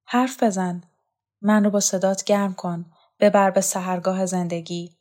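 A weary, bitter former actress pours out her loneliness in a quiet, confessional voice, as a woman narrator reads her lines. She speaks in a storybook telling at an ordinary middle pitch, with no heavy acting. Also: fairly even intonation, lightly acted. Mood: brooding.

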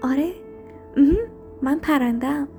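A woman's voice: high voice, steady tone, gravelly, darkish tone, faint music behind. A woman voicing a petulant sixty-four-year-old man who insists he is a robin, in a storybook reading. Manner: petulant, shooing, childish.

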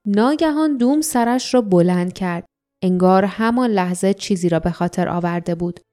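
A woman narrating an audiobook in a calm, even storytelling manner. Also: medium pitch, faint music behind.

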